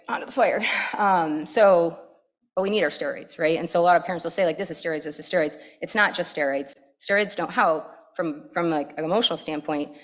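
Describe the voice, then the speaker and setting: A woman psychologist giving a conference presentation to parents, energetic and animated, often checking in with "right?" and "okay?". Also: on the low side. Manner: energetic, animated and quick to react. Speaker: pediatric psychologist.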